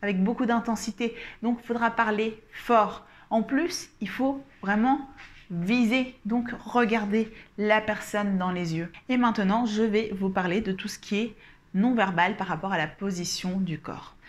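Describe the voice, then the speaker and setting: Female communication coach, mid-pitched, calm, deliberate, instructive delivery. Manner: gestures while explaining. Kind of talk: instructional coaching talk to camera.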